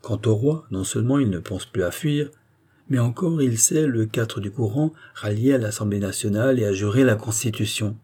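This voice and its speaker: A man narrating a classic novel in a measured, even storytelling manner. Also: fairly low pitch, husky. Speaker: audiobook narrator. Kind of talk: scripted literary narration.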